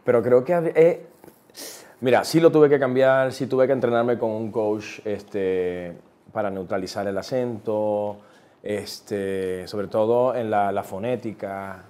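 A man's voice: on the low side, fairly even intonation, takes it slowly, mellow. A man with a Puerto Rican accent, an actor and interview guest, explaining things at length in a thoughtful manner. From Puerto Rico. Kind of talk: casual interview.

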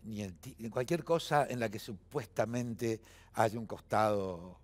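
A man in his seventies with an Argentine Spanish accent is a guest in a television studio interview. His voice is on the low side and a little slow. He talks emphatically, with frequent fillers and restarts.

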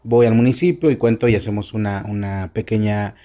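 A man's voice: fairly low pitch, steady tone, brisk, mellow. A man with a Mexican accent, a guest storyteller chatting on a podcast, shifting his tone and stressing words as he talks. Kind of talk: casual podcast conversation.

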